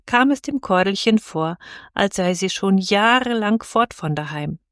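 A woman calmly reading a classic children's story aloud as narrator, in a measured storytelling manner. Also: on the low side, no echo, clean studio sound.

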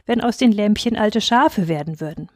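A woman's voice: mid-range voice, expressive, moderate pace, no echo, studio quality, lightly acted. A woman reading aloud who voices a flustered, eager young newlywed man in a storybook, stumbling over his words.

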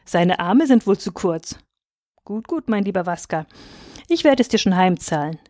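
A woman's voice: mid-range voice, animated, moderate pace, darkish tone, dry recording, studio quality, natural voice. A woman reading aloud, voicing a domineering male estate steward who taunts and mocks. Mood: scornful. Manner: scornful, taunting.

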